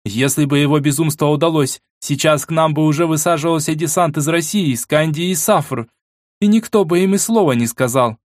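A man's voice: a little high, fairly quick, dry recording, clean studio sound, voice pushed up, natural voice. A man voicing a cold, iron-willed middle-aged queen who speaks sternly and with command. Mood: icy resolve.

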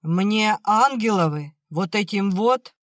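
The audiobook narrator voicing a drunken, bitter old peasant father, raised and slow in delivery, swinging between shouting and tearful self-pity. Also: medium pitch, no room sound, clean studio sound, close to an everyday voice. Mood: drunk, angry. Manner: shouting then maudlin, slurred. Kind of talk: audiobook acting.

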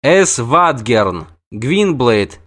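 A man voicing a brisk, amused young archer girl in an audiobook reading. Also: mid-range voice, sing-song, a bit bright, heavily acted.

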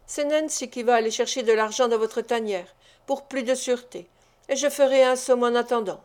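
A woman's voice: a little high, moderate pace, a little mellow, lightly acted. A woman reading the part of a sick, bitter male thief in an audiobook, speaking in a growling, resentful manner.

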